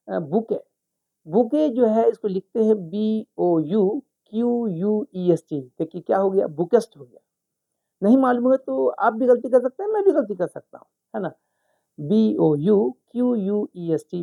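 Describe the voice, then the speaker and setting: A man teaching spoken English who explains each word slowly, repeats it many times and spells it out letter by letter. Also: high-pitched, vocal fry, dark tone. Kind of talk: explanatory lesson.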